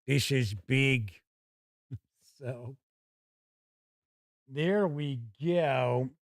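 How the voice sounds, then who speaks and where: This American YouTube streamer, whose voice sits fairly high, keeps things casual and colloquial, punching words for emphasis. His sound is close-miked and dry, without echo.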